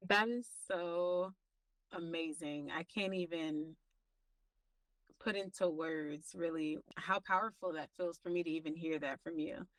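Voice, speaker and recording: A woman's voice: fairly low pitch, fairly even intonation, unhurried, no room sound, far from the mic, poor audio. A woman co-hosting a podcast, asking questions and responding with enthusiastic praise. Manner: warm, enthusiastic, complimentary. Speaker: podcast co-host. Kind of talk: casual interview talk.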